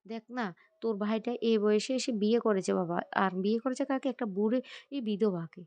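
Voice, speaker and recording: A woman's voice: mid-range voice, a little fast, darkish tone, lightly acted. A woman voicing a gossiping older neighborhood auntie who mocks and sneers. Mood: mocking. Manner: mocking, sneering.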